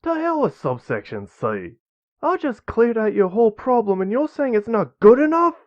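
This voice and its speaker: A man voicing a furious, loud male mercenary liaison who shouts and spits insults. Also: extremely high pitch, very animated, normal speed, dull audio, voice pushed up.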